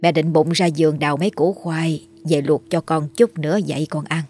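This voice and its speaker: Woman narrator putting on a feeble elderly mom in a spoken horror storybook, quiet and soothing. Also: low-pitched, steady tone, brisk, faint music behind. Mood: tender. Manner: weak, whispery and soft. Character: frail elderly mother, gentle and soothing.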